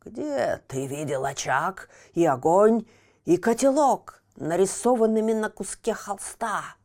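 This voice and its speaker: A woman voicing a cruel, blustering male puppet master who barks and grumbles slowly. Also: medium pitch, expressive, darkish tone. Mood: puzzled. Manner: barking, grumbling, slow.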